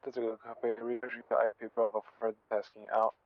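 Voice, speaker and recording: A man calls in brisk, formal radio procedure, his words coming quickly. He is heard through a radio transmission broken by static bursts and clicks. The sound is dull and lo-fi, with a faint hiss behind it. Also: on the low side, level tone. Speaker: player on in-game radio.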